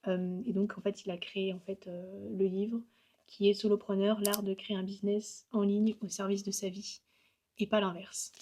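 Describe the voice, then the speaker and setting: A woman's voice: mid-range voice, flat delivery, normal speed, warm tone. A young woman talking casually to camera in a vlog, chatty and upbeat, with many fillers and small self-mocking asides. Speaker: vlogger and graphic designer.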